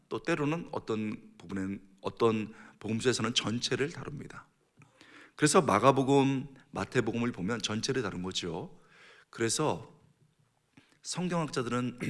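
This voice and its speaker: A middle-aged male pastor delivers a sermon in a church at a mid-range pitch. He drops to near whispers, then builds to raised, emphatic preaching. His delivery stays earnest and deliberate throughout.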